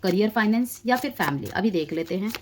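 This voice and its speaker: Over a noisy background, a female tarot reader with a medium-pitched, lively voice talks a little fast. She addresses viewers directly as she explains the cards of a collective reading, mixing Hindi with English.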